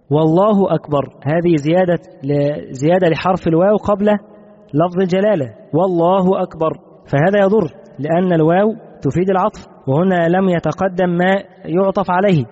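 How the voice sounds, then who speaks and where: A man with a fairly high voice gives a religious lesson. He reads the text aloud, explains it patiently, and repeats the key points to his students. His voice carries a long echo from a large hall, and the recording sounds muffled. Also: a little mellow. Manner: questions the class and praises answers. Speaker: Islamic jurisprudence teacher.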